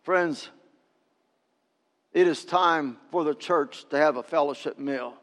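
A male pastor preaching a sermon, emphatic, swinging between loud declarations and hushed appeals, in a church sanctuary. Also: a little high, takes it slowly, in a large hall.

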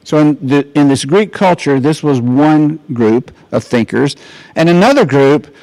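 Gravelly-voiced preacher. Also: male voice, fairly high pitch, lively intonation, a little slow, a little mellow. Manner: rambling, anecdotal, many restarts. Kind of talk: informal sermon.

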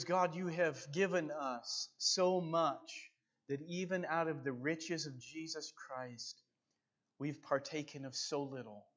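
A man preaching and praying earnestly as a pastor, speaking into a pulpit microphone in church. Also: on the high side. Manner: earnest, devout, with repeated praise phrases. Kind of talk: sermon and extemporaneous prayer. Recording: dull, band-limited church sound recording.

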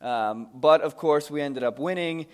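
An American man preaches with a hoarse, strained voice that sounds worn from shouting. His sermon is conversational and informal, full of joking, self-deprecating asides. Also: a little high, unhurried. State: hoarse from screaming the night before.

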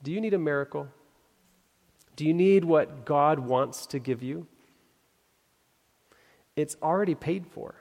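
A man preaching a sermon, reading scripture and telling a story in an earnest, building way with pauses for emphasis. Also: fairly high pitch, vocal fry, a little mellow. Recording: long hall reverb.

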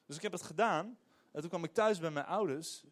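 A middle-aged man, a pastor, preaching a sermon in an animated, emphatic way with frequent hesitations. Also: fairly high pitch, brisk.

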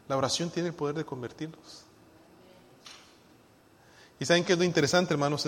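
A male pastor preaching a sermon to his congregation, asking them rhetorical questions and moving between hushed asides and loud, emphatic lines. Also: fairly high pitch, a little hiss or hum. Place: church sanctuary. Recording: long hall reverb.

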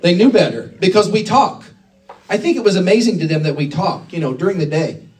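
High-voiced preacher, distant mic. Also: male voice, animated, a little fast, darkish tone. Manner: conversational, emphatic, frequent restarts. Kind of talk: sermon.

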